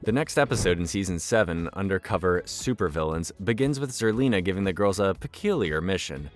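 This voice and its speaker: A man's voice: low-pitched, animated, brisk. A man delivering scripted narration as a recap storyteller, with the occasional wry aside. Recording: music bed behind voice.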